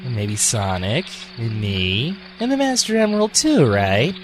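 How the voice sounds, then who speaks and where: An actor playing a suspicious, hot-tempered echidna guardian in an amateur radio drama, blunt and sarcastic. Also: male voice, medium pitch, sing-song, measured pace, over music. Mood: hostile, sarcastic. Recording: noisy home recording.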